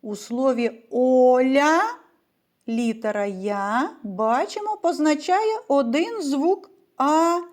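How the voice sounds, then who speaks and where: A woman's high-pitched voice carries a darkish tone as she teaches young children to read. The primary school teacher patiently asks and answers questions in a sing-song style during a slow, clear lesson.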